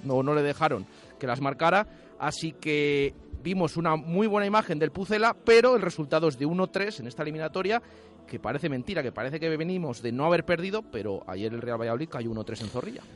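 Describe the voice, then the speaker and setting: A fast-talking man with a slightly high, animated voice and an accent from Spain co-hosts a local sports radio show in the studio, a music bed behind him. He's emphatic, repeating phrases to drive his points home in a sports chat.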